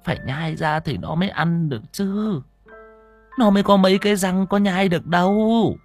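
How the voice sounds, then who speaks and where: A man's voice: high-pitched, moderate pace, soft background music, voice pushed up. A man voicing a poor, loving old grandmother over sixty who scolds in fretful exclamations. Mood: instructing.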